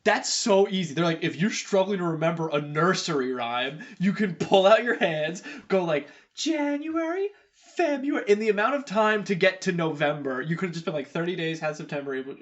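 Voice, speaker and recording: A young man co-hosting a casual podcast, animated and quick to argue, often laughing. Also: fairly high pitch. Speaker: podcast co-host. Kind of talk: casual chat. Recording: dull lo-fi sound.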